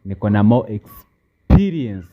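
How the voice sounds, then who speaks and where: A man's voice: fairly low pitch, very animated, slow pace. A man with a Kenyan accent chatting casually to the camera and his friends. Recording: dull sound with faint noise.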